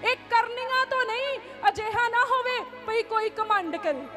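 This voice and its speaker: A woman pastor delivers a fervent sermon in a very high voice. She builds her points through repeated rhythmic phrases. Music plays clearly beneath her. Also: a little slow. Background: music playing under the speech.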